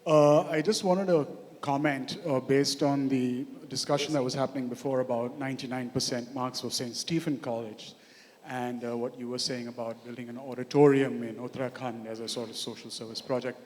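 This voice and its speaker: A man's voice: medium pitch, fairly even intonation, a little fast, darkish tone. Indian man in his forties, reverberant hall. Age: 40s. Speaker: audience member, architect. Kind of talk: impromptu comment at a conference. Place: large hotel conference hall. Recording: echoey hall with long reverb.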